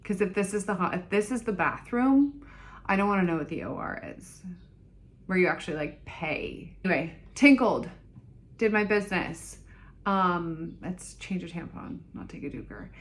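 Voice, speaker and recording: A woman's voice: lowish voice, expressive, moderate pace. A young woman vlogging, telling a story in a blunt, jokey way and acting out the dialogue. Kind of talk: casual storytelling vlog.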